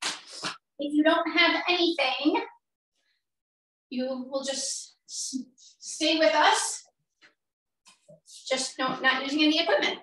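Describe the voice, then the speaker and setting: A middle-aged woman leading a workout as an energetic aerobics instructor, counting and cueing while exercising along. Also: sits high, slow pace, long pauses, slight background noise. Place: small indoor home gym. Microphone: far camera a few metres away. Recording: roomy echo, distant microphone.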